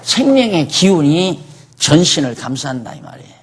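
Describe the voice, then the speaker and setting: A man's voice: a little high, very animated, normal speed, husky. A man preaching a sermon in a conversational way, often asking his listeners questions. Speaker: pastor.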